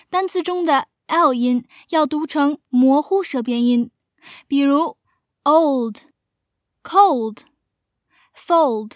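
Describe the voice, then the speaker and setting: A woman host giving a scripted radio lesson, explaining clearly and slowing down for examples. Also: high-pitched, no room sound, clean studio sound. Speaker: English teacher and host.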